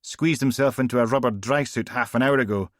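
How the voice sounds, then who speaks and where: A man reads aloud as a gruff, bossy woman detective who is sarcastic and teasing, raising his voice well above his own low register. Her lines land loud, punchy and brisk, in a dry, close recording with no echo that sounds near an everyday voice.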